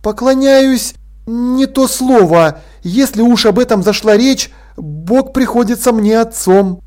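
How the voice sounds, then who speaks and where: A man voicing an awkward young prince at school who talks hesitantly and a little gruffly. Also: high voice, measured pace, dark tone, pitched above the performer's own voice.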